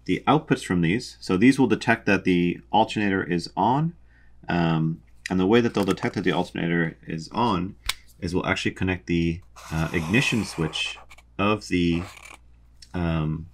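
A young man calmly explains a boat's electrical wiring while drawing a diagram, methodical, with frequent ums. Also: low voice, moderate pace, a little hiss or hum. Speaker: sailing vlogger explaining a boat electrical system.

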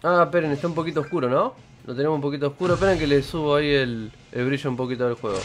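A man's voice: on the high side, racing, music in the background. A man in his thirties with an Argentine accent, chatting casually on a live game stream and greeting viewers. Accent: Argentine Spanish. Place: indoor room with purple lighting.

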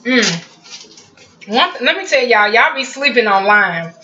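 A woman's voice: fairly high pitch, sing-song, measured pace, bright, forceful tone, a little hiss or hum. Chatty woman in an echoey kitchen. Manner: chatty, talks to viewers as y'all, savoring bites with hums. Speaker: cooking vlogger. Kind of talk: casual cooking vlog chat. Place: home kitchen. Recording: roomy, distant, muffled home recording.

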